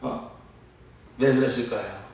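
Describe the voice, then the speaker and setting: A male pastor preaching a sermon, animated and acting out quoted speech while asking the listeners questions. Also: medium pitch, a little slow. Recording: very echoey hall, voice from far off.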